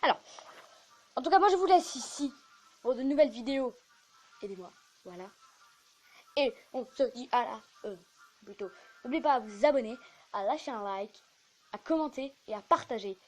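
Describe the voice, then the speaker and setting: A woman's voice: a little high, lively intonation, moderate pace, pauses often, slight background noise. Chatty French-speaking woman gamer. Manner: chatty, rambling, self-mocking. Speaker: gaming YouTuber. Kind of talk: casual gameplay commentary.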